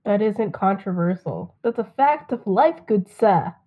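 A young woman who does voice acting, chatting casually with quick, quippy remarks. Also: mid-range voice, animated, husky. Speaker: voice actor. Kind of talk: casual group chat. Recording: phone-like call audio.

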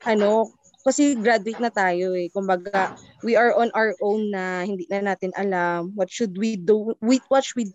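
A woman's voice: mid-range voice, fairly even intonation, unhurried, darkish tone, no room sound, muffled recording. A woman in her twenties, a podcast guest, chatting casually and switching freely between English and Tagalog. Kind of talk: casual chat.

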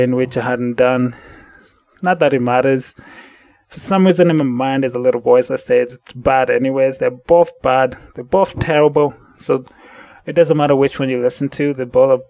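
Male podcast host, gravelly, dry close mic, rambling self-corrections. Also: medium pitch, darkish tone, dry recording. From central United States. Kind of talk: casual solo monologue. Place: at home in the evening.

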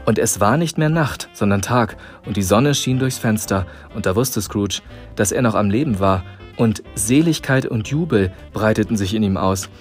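A man reading a storybook aloud to listeners in a calm, measured way. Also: lowish voice, faint music behind. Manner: calm, measured narration with dramatic pauses.

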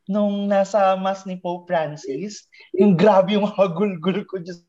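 Expressive young woman telling a heartfelt story. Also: mid-range voice, slow pace. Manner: emotional, expressive, laughs often. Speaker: guest sharing a testimony. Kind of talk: casual storytelling chat. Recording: dull lo-fi recording.

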